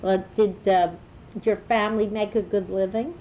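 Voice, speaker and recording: A woman's voice: steady tone, moderate pace. A woman interviewing, asking brief prompting questions. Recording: muffled, off-mic with faint rumble.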